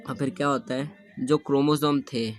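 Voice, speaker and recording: A man at an ordinary middle pitch teaches a school science lesson in a loose, conversational way. He circles back to restate each point and often breaks off to correct himself. When he reads a textbook sentence, he slows down and takes it word by word. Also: little pitch movement, faint music behind. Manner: keeps rephrasing and restating, with frequent self-corrections. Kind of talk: casual explanatory lesson.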